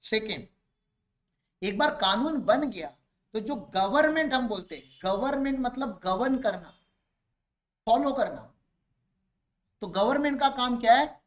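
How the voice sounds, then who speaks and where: A man giving a classroom lecture on tax law, mixing Hindi with English phrases, asking rhetorical questions and checking that students follow. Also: extremely high pitch.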